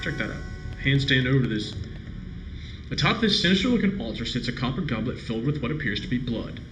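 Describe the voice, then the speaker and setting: A man's voice: medium pitch, animated, fairly quick, fairly bright tone. A man hosting a let's play, reading game text aloud and adding casual comments. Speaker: gaming video host. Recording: roomy echo, music behind.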